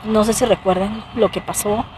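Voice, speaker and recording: A woman's voice: medium pitch, steady tone, moderate pace, darkish tone, slight background noise. A Mexican woman vlogging in casual chat, talking emphatically with lots of restarts and fillers.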